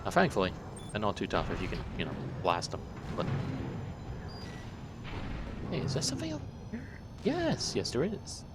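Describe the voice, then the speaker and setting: A man's voice: on the low side, huge pitch swings, moderate pace, long pauses, heavy background noise. A man giving casual, sweary commentary while he plays a game, joking with viewers. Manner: sweary, jokey, chatting to viewers while playing. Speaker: let's play host. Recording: voice over loud game sounds.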